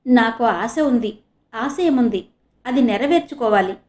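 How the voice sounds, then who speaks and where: An earnest, hopeful young male reporter speaks with eager energy, read by a woman narrator. His lines come lively and a touch raised in pitch. This is a storybook audio novel voice. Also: measured pace, natural voice.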